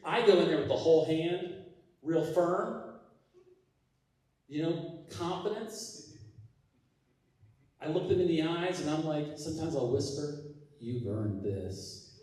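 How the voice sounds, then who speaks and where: A man doing a stand-up comedy set on a theater stage, with a halting, deadpan delivery full of fillers. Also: fairly high pitch. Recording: roomy hall sound from a distance. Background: audience laughing.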